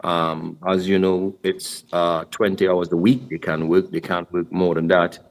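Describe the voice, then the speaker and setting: At a sports symposium, a basketball program speaker from Trinidad fields audience questions earnestly, explaining at length and often restarting his words. His voice sits low, with a level tone and a slightly slow pace.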